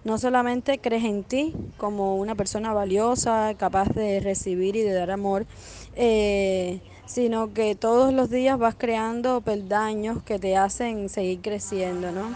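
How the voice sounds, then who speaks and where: A woman leaving a voice message that gives her opinion calmly and thoughtfully. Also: mid-range voice, a little slow, a little hiss or hum. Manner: thoughtful, steady, uses fillers. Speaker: listener sending a voice message. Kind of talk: casual opinion.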